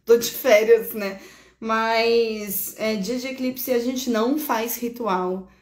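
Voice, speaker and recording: A woman's voice: fairly high pitch, steady tone, slow pace. Chatty Brazilian astrologer woman, echoey room. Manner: chatty, affectionate, laughs often, corrects herself. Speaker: astrologer host. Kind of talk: casual live horoscope chat.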